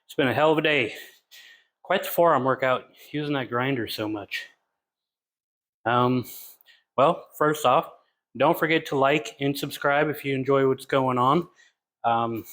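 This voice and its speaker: A man's voice: medium pitch, moderate pace, pauses often. A man hosting his own car-building vlog, talking casually and with self-deprecating humor while out of breath in his garage workshop. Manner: relaxed, self-deprecating, rambling with fillers. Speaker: channel host, hobby fabricator.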